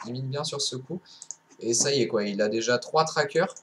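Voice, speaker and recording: A man's voice: medium pitch, normal speed, fairly bright tone. Young male gamer commentator, loose rambling delivery with fillers, faint hiss behind. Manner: rambling, many fillers and restarts, swears casually. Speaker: gameplay commentator. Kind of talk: casual game commentary.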